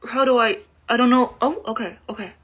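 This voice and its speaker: A woman makeup vlogger chatting casually and playfully, with excited exclamations. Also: on the high side, fairly quick, breathy edge. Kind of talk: casual chat.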